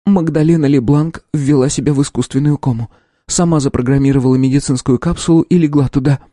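A man voicing a young woman scientist, soft. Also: a little high, fairly even intonation, quick pace, no room sound, clean studio sound, close to an everyday voice. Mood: tense. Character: young woman lab scientist, tense and earnest.

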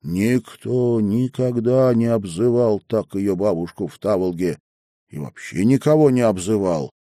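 A man reads an audiobook with measured, dramatic storytelling. His voice is low and mellow, and the recording sounds dry and close. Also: dry recording. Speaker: audiobook narrator. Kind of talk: expressive audiobook narration.

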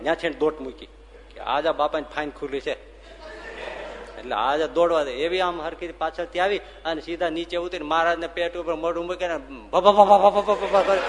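A man's voice: fairly high pitch, a bit bright. A man, a swami giving a storytelling sermon, who acts out the dialogue and laughs as he tells it. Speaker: swami giving a religious discourse. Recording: reverberant hall with faint ambient noise.

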